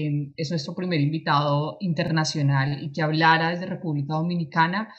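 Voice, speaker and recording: A woman co-hosting a live-streamed talk show, excitable and fast-talking. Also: lowish voice, highs cut off. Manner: fast, excitable, laughs easily. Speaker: co-host.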